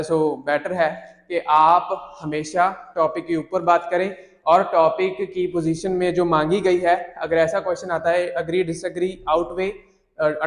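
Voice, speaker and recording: High-voiced teacher, echoey room. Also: male voice. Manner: chatty, teasing, mixes English phrases into Hindi. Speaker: IELTS teacher. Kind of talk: classroom-style lesson to students. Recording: echoey room with long reverb.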